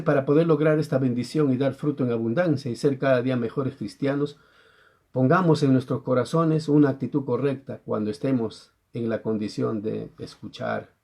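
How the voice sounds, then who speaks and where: A man with a Chilean Spanish accent preaching a sermon in a church, reading scripture slowly and often asking the listeners whether they understand. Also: mid-range voice, creaky, dark tone. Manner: checks understanding with frequent rhetorical questions; reads scripture slowly and deliberately. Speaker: pastor.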